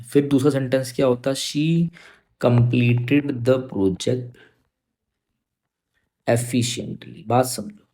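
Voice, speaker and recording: Gravelly, warm-voiced male grammar teacher. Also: medium pitch. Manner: repeats "समझो बात को" and "ठीक है", reads example sentences slowly. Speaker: English teacher. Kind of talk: exam-prep grammar lesson. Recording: online class video.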